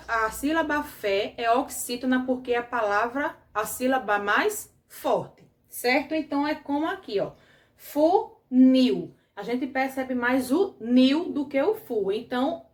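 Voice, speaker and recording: Brazilian woman teacher, higher voice, slow and patient, echoey room. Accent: Brazilian Portuguese. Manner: patient, asks the class questions and checks with "certo?". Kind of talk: grammar lesson for children.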